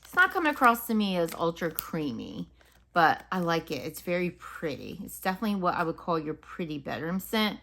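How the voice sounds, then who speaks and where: Very animated and fairly quick, she speaks in a lowish, slightly bright voice with vocal fry. The home fragrance reviewer chats loosely about wax melts, describing each scent in an unscripted review.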